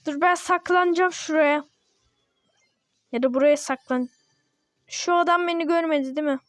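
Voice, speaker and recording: A woman casually commenting on her own gameplay, chatty and excitable, grumbling and yawning as she plays. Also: sits high, moderate pace, dry recording. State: yawning, sleepy. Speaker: gaming video host.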